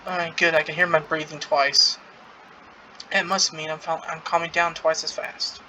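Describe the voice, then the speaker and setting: Casual gaming playthrough voice, mid-pitched and bright, reading dialogue aloud with amused, giggly reactions. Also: flat delivery, normal speed, slight background noise, low-quality recording. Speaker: gaming content creator playing through a story event.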